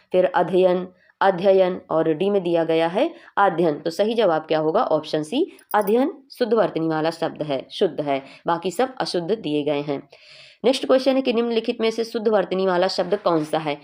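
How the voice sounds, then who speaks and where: A woman's voice: on the low side, dark tone. A young woman teaching a Hindi exam revision class, explaining each answer patiently and often checking in with her students.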